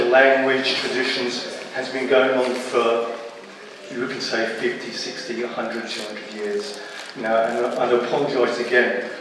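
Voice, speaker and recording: A man's voice: mid-range voice, fairly bright tone, slight background noise. A man in his fifties from Britain speaking on a public panel, emphatic, with apologetic asides and a repeated "yeah". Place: large exhibition hall, indoors. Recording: distant mic in an echoey hall.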